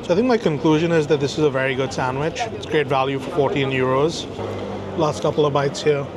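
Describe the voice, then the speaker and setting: A man's voice: fairly high pitch, fairly quick, noisy background. Chatty man reviewing food outdoors. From India. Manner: chatty, relaxed, tastes and reacts aloud. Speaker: food vlogger. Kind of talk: casual food review to camera. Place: outdoor café terrace on a city street. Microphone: camera-mounted shotgun mic.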